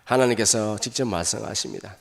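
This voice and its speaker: A man pastor preaching a sermon, telling the story in an animated way and tossing rhetorical questions to the congregation. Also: lowish voice, fairly quick, gravelly. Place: church sanctuary. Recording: echoey hall.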